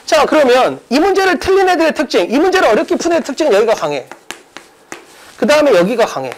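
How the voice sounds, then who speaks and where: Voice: high voice, sing-song, quick pace, rough recording. An English exam-prep teacher and academy director giving a mock exam explanation lecture, emphatic and casual with students, drilling points through repetition and rhetorical questions. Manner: casual informal speech to students.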